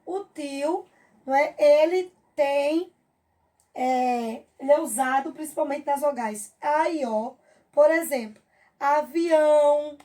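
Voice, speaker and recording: High-voiced Brazilian woman teacher. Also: warm tone. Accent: Brazilian Portuguese. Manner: patient, drawn-out examples, frequent check-ins with the class. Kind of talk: recorded review lesson for children.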